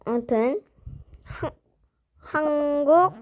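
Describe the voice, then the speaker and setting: Slow, musing woman drawing a map. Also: high voice, a little mellow. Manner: slow, musing, talks to herself while drawing. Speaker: drawing vlogger. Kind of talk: casual narration while drawing a map.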